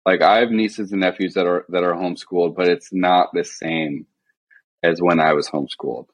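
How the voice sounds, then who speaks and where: A young man from the Midwest talks on a podcast in a very deep, low register. He keeps a flat, deadpan monotone and strings his thoughts together with steady "like" and "um" fillers. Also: moderate pace. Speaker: podcast guest. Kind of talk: casual podcast chat.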